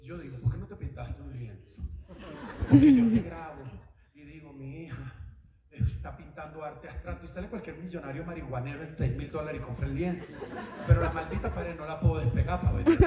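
A man doing animated stand-up comedy on a live stage, shrieking into high voices. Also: fairly quick, distant mic. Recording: roomy venue, from the mic, loud crowd.

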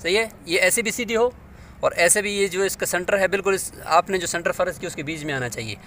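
A man's voice: high-pitched, fast, fairly bright tone, a little hiss or hum. A man teaching a hands-on demonstration, patient and step by step, often asking his listeners to check along.

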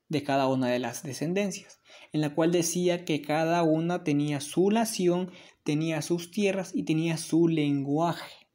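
A speaker reading the Bible aloud and explaining it, with measured, deliberate phrasing. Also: mid-range voice, a little mellow. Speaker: Bible reader and commentator.

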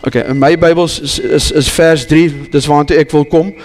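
A man preaching in a church hall, his South African accent and Afrikaans roots plain in every phrase. His voice sits somewhat high and carries an earnest, pleading urgency, stumbling into restarts as he presses his questions. A long reverb trails each line through the hall. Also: steady tone, normal speed, a little hiss or hum. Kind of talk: bilingual church sermon.

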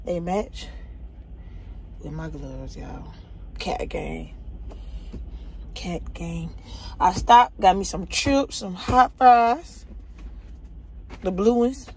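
A woman's voice: on the low side, drawn-out words, long pauses, a little mellow, a little hiss or hum, rough recording. A woman, a truck driver chatting candidly to her phone in her truck cab and swearing freely. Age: 20s. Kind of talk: casual vlog chat. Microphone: phone held at arm's length.

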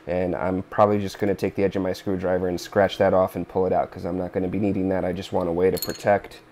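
The DIY host here, a man in his thirties, has a deep, slightly mellow voice with little pitch movement and a quick pace. Seated at a workbench board in his living room, he talks casually through a repair with fillers and asides, over a bit of hiss or hum.

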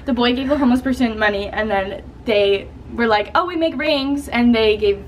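This young vlogger talks casually to camera in a hotel room and later a parked car, upbeat and chatty with frequent fillers. Her voice is a little high, her pace moderate, and the low-quality recording carries slight background noise.

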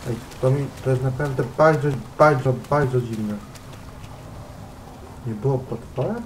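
A man's voice: mid-range voice, unhurried, a little mellow, slight background noise, rough recording. Jumpy, swearing man playing a game. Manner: jumpy, swears a lot, talks to objects in the game. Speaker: gamer. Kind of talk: casual let's play commentary.

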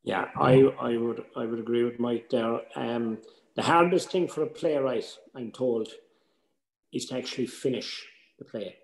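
Speaking at a medium pitch, creaky and a little mellow, an older Irish man gives informal workshop tuition. He's indoors at home on a video call with a roomy echo, frequently tagging his advice with quick check-ins.

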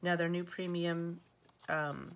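At home at a table, a planner vlogger narrates a casual show-and-tell of her stickers. Her voice is lowish, level and slow, and sniffly from allergies, and she uses fillers and corrects herself as she goes.

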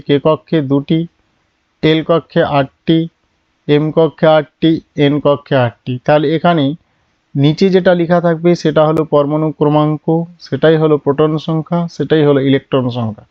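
A man teaching a lesson at a patient, step-by-step pace, posing questions and then dropping his voice to give the answers. His voice is fairly high and smooth. The sound is dry and a little muffled. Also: no room sound. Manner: asks questions and answers them himself, drops his voice on answers. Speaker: chemistry teacher. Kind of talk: classroom lesson.

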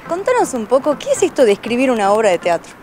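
A young woman TV host with an Argentine accent, brisk and upbeat as she leads an outdoor interview. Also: on the high side, wildly swooping pitch, over music. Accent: Argentine Spanish. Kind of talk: TV interview hosting. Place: outdoors by a plant wall. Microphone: handheld mic.

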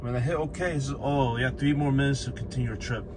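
A man's voice: medium pitch, steady tone, quick pace. Man narrating a drive over car noise. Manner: chatty, thinking aloud with fillers. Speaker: road trip vlogger. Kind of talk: casual driving commentary. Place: inside a moving car. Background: car road noise.

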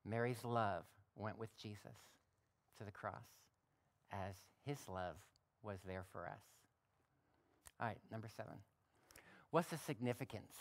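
A man's voice: on the low side, unhurried, long pauses. Man preaching a folksy sermon. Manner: folksy, conversational preaching with reading aloud. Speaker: pastor. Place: church.

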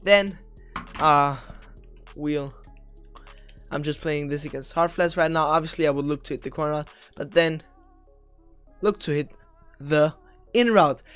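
A young man from Austria walks through football plays in a relaxed, chatty gameplay tutorial, picking apart each read and tossing in offhand jokes. His voice sits a little high and comes across smooth and resonant. Soft music plays faintly underneath. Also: a little slow, pauses often. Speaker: video game strategy creator. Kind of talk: casual gameplay tutorial commentary.

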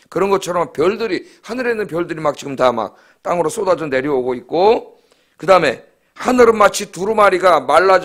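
Preaching at dawn in a church sanctuary, a middle-aged man speaks emphatically in a somewhat high, slightly bright voice. Again and again he tosses quick rhetorical prompts to the congregation, frequently asking "예?"

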